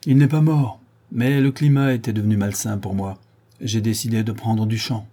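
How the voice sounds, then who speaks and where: A man's voice: fairly low pitch, steady tone, normal speed, warm tone, lightly acted. Evasive, sneering village hired hand, read by a man. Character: shady rural drifter, sneering hired thug.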